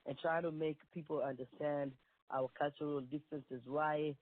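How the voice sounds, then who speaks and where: A Kenyan woman, a performing artist, talks earnestly in a phone interview, rambling with many restarts. Her voice sits low, her intonation is fairly even, and she speaks at a normal speed. The line sounds tinny and dry.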